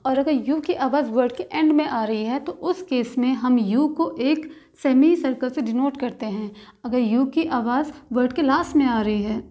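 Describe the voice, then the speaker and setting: Female shorthand tutor with a high voice, patient, step-by-step delivery. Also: dark tone. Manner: slow, patient, spells out sounds one by one. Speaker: shorthand teacher. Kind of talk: step-by-step instructional lesson.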